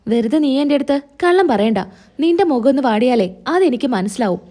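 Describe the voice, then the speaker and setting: A woman's voice: high-pitched, animated, fairly quick, mellow. A woman voicing a protective young husband who speaks in an insistent, reassuring way in a retold serial story. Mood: concerned.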